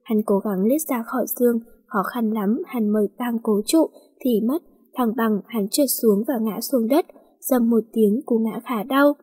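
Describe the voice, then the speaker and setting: Role: narrator. Sex: woman. Style: storybook reading, steady and flowing. Sound: fairly high, husky, dry. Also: normal speed, dry recording.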